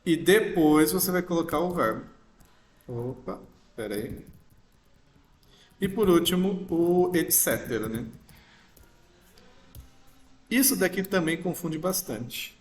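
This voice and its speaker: Slow, patient male teacher in a roomy space. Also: fairly high pitch, animated. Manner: patient, explains step by step, frequent "ok?" check-ins. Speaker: English teacher. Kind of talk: recorded lesson explaining grammar. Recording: roomy echo.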